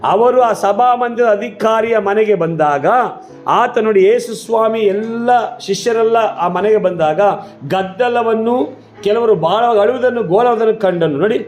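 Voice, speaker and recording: A man's voice: high voice, unhurried, a little mellow, echoey room, faint music behind. A male pastor preaching a sermon with fervent, repetitive exclamations that rise and build.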